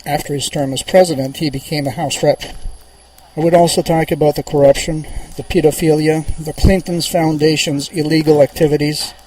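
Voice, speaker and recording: A man's voice: fairly high pitch, fairly even intonation, brisk, a little mellow, low-quality recording. A man hosting a political radio show, delivering a monologue in an emphatic, insistent way and repeating his points for emphasis.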